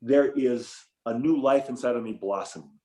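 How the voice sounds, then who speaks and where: Over a video call, a middle-aged man appears as an interview guest, a photographer who once owned a tour business. His warm, mid-range voice moves at normal speed as he talks casually, enthusiastic and reflective, with fillers and restarts.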